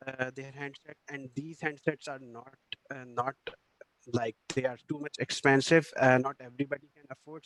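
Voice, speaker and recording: A man speaking at an online conference, hesitant and pausing often with fillers. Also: medium pitch, fairly bright tone, dry recording, low-quality recording.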